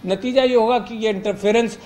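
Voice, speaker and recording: High-voiced man from Pakistan, panel politician, insistent debater. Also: fairly even intonation, a little fast, a little mellow. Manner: insistent, repeats himself to hold the floor. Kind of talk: talk show debate.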